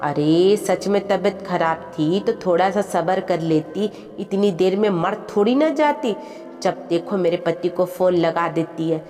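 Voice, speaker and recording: A woman reading the part of an angry young wife who loudly scolds her mother-in-law in a storybook tale, with music and reverb behind. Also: lowish voice, unhurried, close to an everyday voice. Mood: shouting. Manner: loud, scolding. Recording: long reverb with background music.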